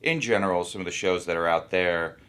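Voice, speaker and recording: A man who is an actor, talking about his work in a relaxed, rambling interview. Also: sits low, brisk, clean tone. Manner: easygoing, rambling, thinks aloud. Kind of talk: casual interview talk.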